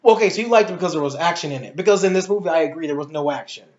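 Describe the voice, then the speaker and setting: A movie reviewer rants rapid-fire about films, casual and opinionated, emphatic and full of rhetorical questions. His voice is a little high and a little mellow. The recording is muffled and echoey, made in a room.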